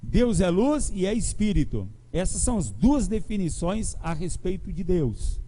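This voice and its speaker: A man's voice: high voice, sing-song, unhurried, mellow, a little hiss or hum, rough recording. A man preaching a sermon, leading his congregation in reading scripture aloud together.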